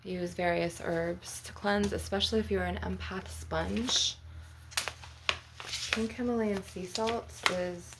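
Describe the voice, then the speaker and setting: A woman talks through an ASMR session in a conversational, wandering manner. Her mid-pitched voice has plenty of gravelly fry. The recording is very noisy, with clicking and tapping behind her. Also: steady tone, takes it slowly. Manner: rambling, conversational asides. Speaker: ASMR video host. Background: tapping on glass and objects, clicking.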